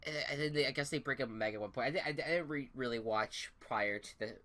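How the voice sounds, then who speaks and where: Young man, podcast co-host, casual recap, stumbling restarts, mid-pitched voice. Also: fast talker. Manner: rambling, frequent restarts and self-corrections; animated retelling that acts out quotes.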